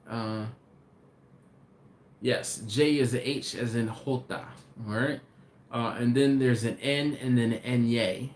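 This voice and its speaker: Speaking in a mid-range, somewhat mellow voice, a chatty barbecue channel host rambles through a casual live stream in an echoey room, reading viewer comments. He addresses viewers directly and frequently starts over. Faint ambient noise sits under the echo.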